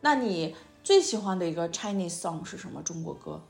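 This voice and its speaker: A woman's voice: lowish voice, animated, a little fast, vocal fry, faint music behind. A woman hosting a casual interview with a young child as a language teacher, prompting with short questions and repetition and dropping in foreign words. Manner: drops foreign words into sentences.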